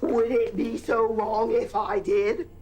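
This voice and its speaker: An actor playing an awkward, childlike, lovestruck man in a film, speaking in a halting, earnest way. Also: high-pitched, flat delivery, darkish tone, faint music behind. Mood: pleading. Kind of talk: naturalistic film acting.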